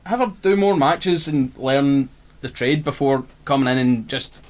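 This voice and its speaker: A Scottish man on a podcast with an ordinary mid-range voice, giving blunt opinions in a relaxed, chatty way. He talks freely and keeps the conversation going. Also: medium pitch, unhurried. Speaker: podcast co-host. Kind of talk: casual chat.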